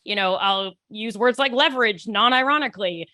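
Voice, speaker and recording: Bright-voiced chatty woman host. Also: a little high, no room sound. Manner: chatty, wry, quick to agree. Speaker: podcast host. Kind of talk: casual conversation.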